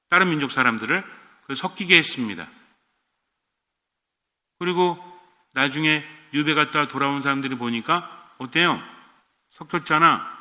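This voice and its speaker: A male priest preaching a homily in a bright, forceful voice. He talks with his listeners more than at them, firing off questions and slipping into blunt everyday speech. The sound carries a long echo, as if in a large church. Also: on the high side. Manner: conversational, asks the congregation questions; switches to blunt casual speech for emphasis.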